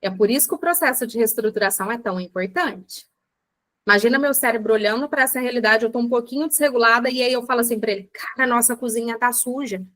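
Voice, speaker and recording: A woman's voice: a little high, fast, a bit bright. A Brazilian woman, a psychologist, giving a chatty online lecture, addressing her listeners directly and acting out everyday examples. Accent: Brazilian Portuguese. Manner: chatty, addresses audience as "gente", acts out examples. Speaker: psychologist teaching a book club class.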